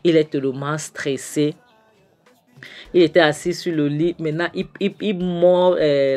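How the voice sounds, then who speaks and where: A woman casually retelling a film scene by scene, chatty and addressing her listeners warmly as her loves. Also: sits low. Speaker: film recap narrator. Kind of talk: casual storytelling recap of a film.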